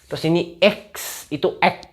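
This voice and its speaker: A young man giving a casual video lesson, chatty and friendly in tone, repeating each letter slowly to drill it. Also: high voice. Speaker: language teacher.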